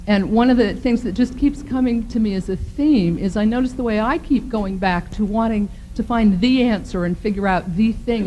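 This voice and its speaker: A woman's voice: mid-range voice, warm tone, a little hiss or hum, rough recording. A woman in the audience muses on a theme in a reflective, rambling way. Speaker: audience member. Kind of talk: musing comment from the audience.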